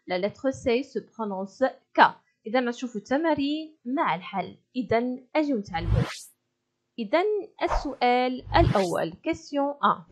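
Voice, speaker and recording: High-voiced Moroccan woman teacher. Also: dull audio. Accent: Moroccan Arabic. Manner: slow careful French, quick Darija explanations. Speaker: French teacher. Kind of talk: primary school lesson.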